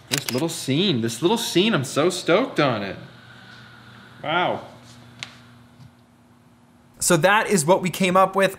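A man's voice: fairly high pitch, a bit bright, a little hiss or hum. A man hosting a casual photography vlog, enthusiastic and jokey, often breaking into laughter. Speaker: photographer and video host. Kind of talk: casual vlog talk to camera.

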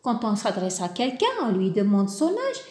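A woman's voice: mid-range voice, big pitch swings, normal speed, a little mellow. A woman teaching a French grammar lesson, patiently repeating each verb form and stressing the key words. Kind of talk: slow, deliberate grammar lesson. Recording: roomy echo.

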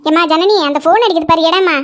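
A woman voicing a fierce, protective village mother-in-law who scolds fast in a cartoon. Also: very high-pitched. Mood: scolding. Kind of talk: cartoon voice acting.

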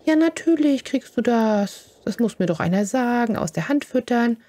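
Female let's play host, mellow and soft-toned, casual running commentary, coos affectionately at her in-game pets. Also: on the high side, animated, normal speed.

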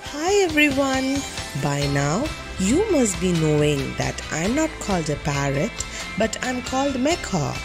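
A woman's voice: medium pitch, very animated, a little slow, music in the background. A woman voicing a friendly cartoon macaw, narrating educational facts directly to children. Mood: friendly, instructive. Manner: presentational, addresses children directly.

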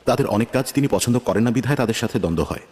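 Dub casting: a man as an earnest loyal friend, quick, long reverb. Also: medium pitch, animated, a little mellow, lightly acted. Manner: earnest, solemn. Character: loyal male companion, earnest and devout. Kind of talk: dubbed drama dialogue.

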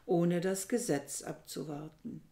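A woman reading the part of an older betrayed husband, vengeful and bitter, with forceful outbursts. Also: fairly low pitch, steady tone, a little slow, gravelly. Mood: grim. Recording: echoey room.

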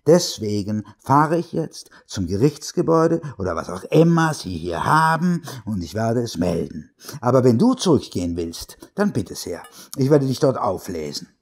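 Man playing a stubborn husband, harsh, snapping, lively pitch. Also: normal speed, husky. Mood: insistent.

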